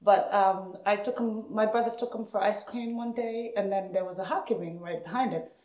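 A woman from Somalia telling her personal story in an interview, animated, acting out other people's words in a higher voice. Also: moderate pace, highs cut off. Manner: animated, acts out quoted speech with rising pitch. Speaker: interviewee, hockey parent and player. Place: indoors in a room with equipment shelves. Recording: roomy, echoey indoor sound.

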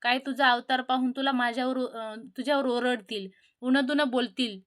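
A woman's voice: high voice, steady tone, moderate pace, fairly bright tone. A woman voicing a nervous palace maid. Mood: anxious. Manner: anxious, then earnestly vowing.

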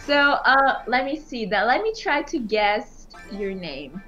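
A woman's voice: a little high, sing-song, slow pace, pushed and bright, lo-fi sound, soft background music. A drunk woman talks to a stranger on a video call. Her voice swoops up and down a lot, and she stays hesitant and giggly. She stumbles through her sentences and fills them with ums. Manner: hesitant, giggly, lots of fillers.

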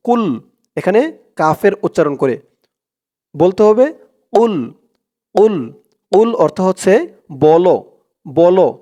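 A man teaching Quran recitation, spelling words letter by letter and chanting the verses slowly and drawn out. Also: on the high side, a little mellow. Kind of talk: slow spelled-out recitation lesson.

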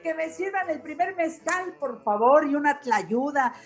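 Effusive high-voiced Mexican woman host. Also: lively intonation, a little slow. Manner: exclamatory, effusive, affectionate. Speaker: radio show host. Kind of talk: radio interview.

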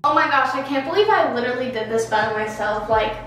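A woman's voice: high-pitched, quick pace, distant mic. A woman in her twenties chatting casually to camera in a bubbly way, her voice echoing in a bare room. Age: 20s. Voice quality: echoey, reverberant room sound. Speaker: vlogger. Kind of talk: casual chat to camera about a room makeover. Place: small bare indoor room with hard floor. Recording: echoey empty room, music underneath.

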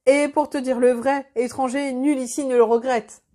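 A woman's voice: high-pitched, fairly even intonation, normal speed, dark tone, close to an everyday voice. Brief: taunting male guards, read by a woman, raised mocking storybook voice. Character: gruff male castle guards, mocking and scornful.

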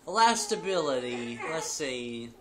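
A man's voice: mid-range voice, big pitch swings, a little slow. A man in his twenties giving a casual review as a video host, talking with chewing tobacco packed in his lip. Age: 20s. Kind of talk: casual product review chat. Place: living room at home, indoors. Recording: noisy home webcam recording.

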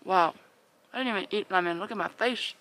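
A young adult woman vlogger chats casually to a handheld camera held at arm's length, telling stories with playful asides to viewers while camping, both outdoors at the campsite and inside a car. Her medium-pitched voice is a little fast and a bit bright, with a slight hiss or hum.

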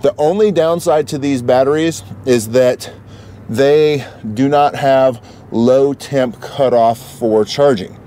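Mellow-voiced man explaining, some background noise. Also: medium pitch, takes it slowly. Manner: matter-of-fact explaining. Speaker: RV owner and vlog host. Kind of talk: casual walkthrough narration.

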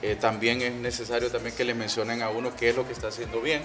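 A man in his thirties from Honduras with a Honduran Spanish accent, answering interview questions in a measured, polished announcer voice. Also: mid-range voice, little pitch movement, music in the background. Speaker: radio announcer and guest. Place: TV set in a betting lounge. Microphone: handheld mic.

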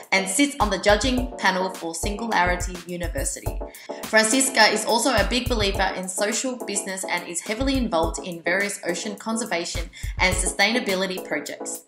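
A woman in her thirties who partly grew up in Vietnam hosts a podcast, reading a scripted intro before moving into a bubbly, laughing casual chat. Her voice sits at a medium pitch and the sound is roomy.

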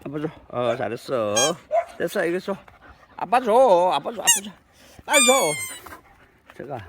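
A man's voice: high-pitched, big pitch swings, a little slow, very noisy. A man playing with his dogs outdoors, coaxing and scolding them in baby talk and calling himself their dad. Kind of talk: casual talk to pets. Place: outdoors in a garden plot.

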